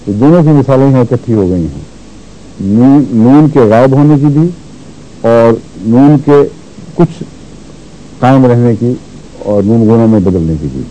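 A man teaching Quran recitation rules, explaining patiently and repeating words slowly to show how they are pronounced. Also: medium pitch, animated, muffled recording, a little hiss or hum. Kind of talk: religious lesson on Quran recitation.

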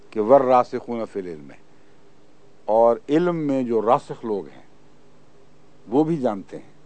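A man's voice: medium pitch, dark tone. Man explaining scripture in a lecture. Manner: explanatory, recites Arabic verses then translates. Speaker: Quran commentator. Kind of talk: religious lecture on Quran exegesis.

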